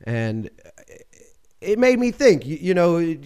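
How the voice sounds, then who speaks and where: Slow and sing-song, with a fairly high pitch and a smooth, darkish tone, a man talks solo on his casual sports podcast. He's jokey and rambling, and he frequently corrects himself mid-sentence.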